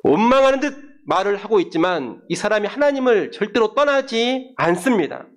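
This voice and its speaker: A male pastor preaching a measured sermon, addressing the congregation directly and voicing quoted laments in a pleading tone. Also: high-pitched, sing-song.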